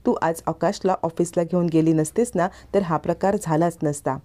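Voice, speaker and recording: A woman's voice: on the low side, fairly even intonation, normal speed, warm tone, natural voice. A woman voicing a scheming middle-aged woman of the house who talks in an anxious, accusing way.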